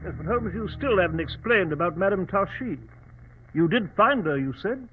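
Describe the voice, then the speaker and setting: An actor playing a loyal, fussy, earnest gentleman doctor in 1940s radio drama style. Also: high-pitched, lively intonation, normal speed, narrow, tinny audio, soft background music. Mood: puzzled. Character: loyal, anxious, inquisitive gentleman doctor, detective's companion. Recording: thin, scratchy old radio recording.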